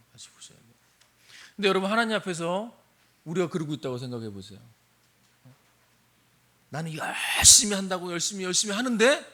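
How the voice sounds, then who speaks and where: A man's voice: high voice, fairly bright tone. An older man, a missionary pastor, preaching a sermon and asking his congregation questions. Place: church sanctuary.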